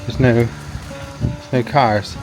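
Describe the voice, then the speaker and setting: A man's voice: mid-range voice, steady tone, drawn-out words, over music. A man from the UK co-hosting a travel vlog, easygoing and laughing often. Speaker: travel vlogger. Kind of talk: casual travel vlog chat.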